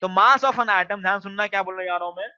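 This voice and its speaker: A man's voice: high voice, fast talker, pushed and bright, smooth. A man teaching a class online, mixing terms into his lecture and coaxing students to answer. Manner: coaxing, repeats questions to students. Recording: dull lo-fi sound.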